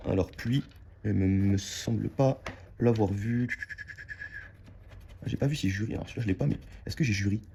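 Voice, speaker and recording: A man with a low, mellow voice talks his viewers through a scratch-card session in casual running commentary. He chats to them like friends and repeats each word as he checks it. A faint hiss of background noise sits under the close mic. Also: moderate pace, gravelly, long pauses. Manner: chatty, addresses viewers as friends, repeats words while checking.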